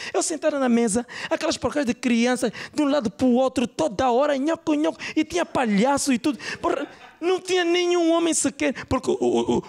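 Man doing a brassy Angolan woman, very high gravelly voice, gossipy, chatty storyteller. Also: full character voice. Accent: Angolan Portuguese. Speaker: stand-up comedian. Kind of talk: stand-up character bit. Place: comedy club stage.

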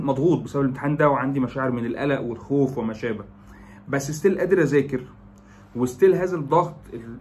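Egyptian man, young, brisk educational presenter, fills pauses with "aah", faint hiss behind. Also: mid-range voice, darkish tone. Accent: Egyptian Arabic. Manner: explains with lots of English terms and filler "aah". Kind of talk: educational talk.

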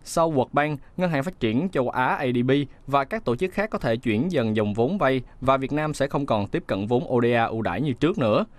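A man reading a scripted news voice-over in a steady, measured way. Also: medium pitch, dry recording. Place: studio booth.

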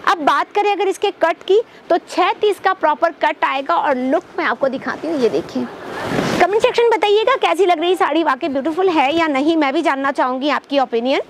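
A young woman with a high voice talks to her viewers as friends in an upbeat sales pitch. She is seated indoors in a fabric shop. A faint room hum sits behind her. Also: expressive, a little fast. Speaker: presenter of a wholesale saree showroom video. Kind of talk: promotional vlog presentation. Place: indoor textile shop with stacked saree shelves.

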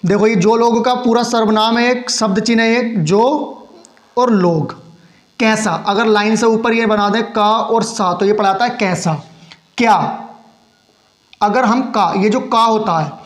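Man, very high voice, patient tutorial teacher, asks and answers his own questions, roomy echo. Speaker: shorthand teacher. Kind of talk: step-by-step tutorial explanation.

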